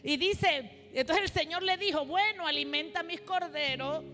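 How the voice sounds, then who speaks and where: A woman's voice: very high voice, normal speed, pushed and bright. A woman preacher giving a call-and-response sermon, leading the congregation to repeat her phrases. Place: church hall. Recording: reverberant hall with faint music.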